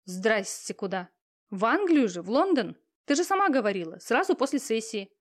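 A woman reading a brisk, pushy mother. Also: a little high, big pitch swings. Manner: curt, pushy, businesslike. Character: brisk busy middle-aged mother on the phone. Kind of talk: audiobook character reading.

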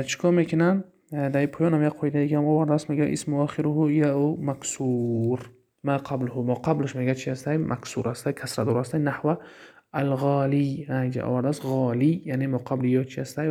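A man with a Tajik accent teaching an Arabic grammar lesson, asking himself questions and repeating key terms slowly. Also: medium pitch, steady tone, warm tone.

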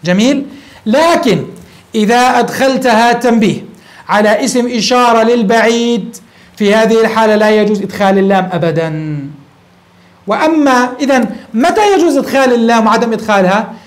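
A man teaching a grammar lesson, often checking in with quick rhetorical questions. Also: very high voice, lively intonation. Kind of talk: classroom grammar lecture.

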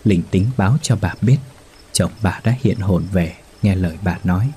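A man narrating a ghost story in a steady, somber manner. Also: low-pitched, moderate pace, slight background noise.

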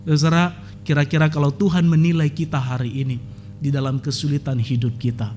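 Guy preaching, high voice, gets loud and emphatic, a little noise behind. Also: little pitch movement, fairly quick. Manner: storytelling with rising emphatic preaching. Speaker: pastor. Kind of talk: sermon.

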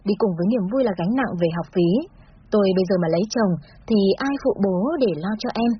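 A woman's voice: mid-range voice, lo-fi sound, slight background noise. A woman narrating a first-person story in a reflective, confiding way.

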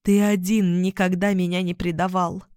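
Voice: medium pitch, level tone, normal speed, darkish tone, clear, resonant tone, no room sound, clean studio sound, natural voice. A reader doing Katarina, a tormented young queen. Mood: tender. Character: distraught young queen, tearful and commanding. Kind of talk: audiobook character reading.

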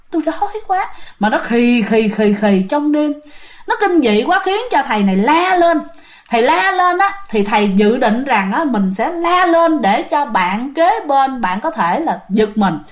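A woman tells a ghost story in a chatty way, often speaking straight to her listeners. Her voice sits fairly high and swings widely in pitch. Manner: chatty, addresses listeners directly.

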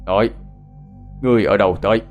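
A man's voice: lowish voice, normal speed, faint music behind, close to an everyday voice. A man voicing a stern old male Buddhist monk who gives commands during an exorcism.

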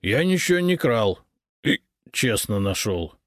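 A man's voice: on the low side, sing-song, measured pace, fairly bright tone, dry recording, studio quality. A man voicing a surly, grumbling, grey-haired old drunk tramp in a storybook reading. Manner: grumbling and sullen.

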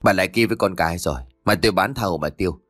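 A man's voice: sits low, racing, a bit bright, dry recording, studio quality, faint music behind. A man reading an audiobook, voicing a greedy, cruel young adult son who snarls with contempt. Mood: cajoling.

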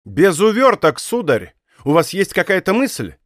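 A man reading a commanding, impatient young king in an audiobook, firing off sharp questions. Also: high voice, huge pitch swings, measured pace, dry recording, studio quality, pitched above the performer's own voice, heavily acted. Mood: imperious. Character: angry young male king, imperious and impatient.

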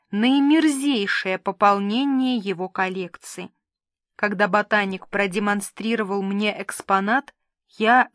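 A woman narrating an audiobook in an expressive, ironic manner. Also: medium pitch, no echo, studio quality. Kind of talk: scripted narration.

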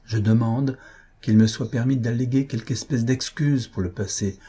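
A man reading an audiobook, voicing an impetuous, remorseful young gentleman who speaks in an impassioned, earnest and pleading way. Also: mid-range voice, normal speed, husky, lightly acted.

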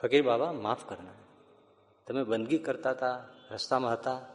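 A man's voice: medium pitch, normal speed, long reverb tail, natural voice. A man voicing a distraught woman who speaks in a pleading, apologetic way. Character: distraught woman searching for her runaway husband.

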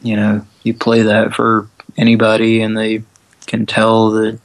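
A man's voice: on the low side, completely flat delivery, unhurried, low-quality recording. A man co-hosting a casual live show over a call, making wry joking asides. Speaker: co-host. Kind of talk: casual chat. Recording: Skype call.

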